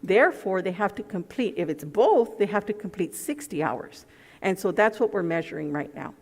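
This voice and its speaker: In an echoey meeting hall, a school program presenter gives a formal talk and takes questions from a large indoor board room. Her mid-range voice is expressive and moves at a normal speed, though the face mask she wears leaves it slightly muffled.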